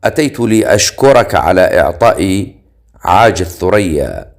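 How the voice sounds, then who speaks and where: A man voicing a calm, cold young swordsman who answers in curt words. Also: low-pitched, moderate pace, vocal fry, full character voice.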